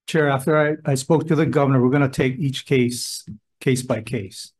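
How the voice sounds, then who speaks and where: In a hearing room, a man acting as a state emergency official explains plans to legislators plainly and conversationally, giving examples. His medium-pitched voice is steady and a little mellow at normal speed, with a touch of hiss or hum.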